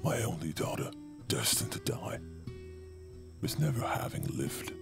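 A man voicing a grieving king fearing for his dying daughter, in a rough, emotional delivery. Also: sits low, big pitch swings, unhurried, exaggerated voice. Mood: anguished. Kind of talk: audio drama acting. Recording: music bed underneath.

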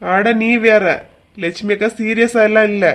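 A level-headed cartoon village woman speaks in a Kanyakumari Tamil accent, voiced by a woman. Her medium-pitched voice stays matter-of-fact and reassuring. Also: steady tone, normal speed, natural voice. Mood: calm. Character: calm, sensible village woman Selva.

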